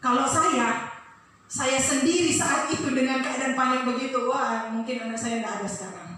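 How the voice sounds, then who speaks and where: A middle-aged woman preaching a sermon, emphatic, breaking into sung phrases and high cries. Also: normal speed, pushed and bright, slight background noise. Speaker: preacher, pastor's wife. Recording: echoey room, from a distance.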